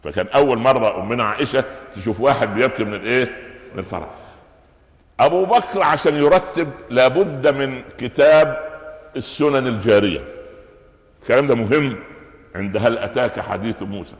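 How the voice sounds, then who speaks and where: A man with an Egyptian accent preaching a sermon, telling stories lively and firing rhetorical questions at his listeners. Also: mid-range voice, a little fast. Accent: Egyptian Arabic. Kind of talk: sermon explaining Quran commentary. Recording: echoey hall with long reverb.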